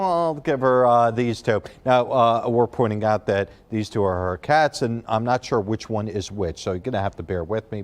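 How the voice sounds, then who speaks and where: A man of middling pitch delivers the morning weather and traffic on a local TV newscast. He talks in a relaxed, chatty way, often pausing on fillers. His voice comes from a TV news studio. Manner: loose, chatty, with frequent fillers. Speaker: TV meteorologist and co-anchor.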